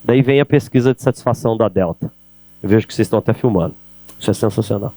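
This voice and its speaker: In an event hall, a middle-aged Brazilian man delivers a lively keynote on sales, speaking directly to the crowd and peppering it with rhetorical questions. His voice is fairly low, he talks fast, and his Brazilian Portuguese accent comes through clearly. The sound is dry, with no echo.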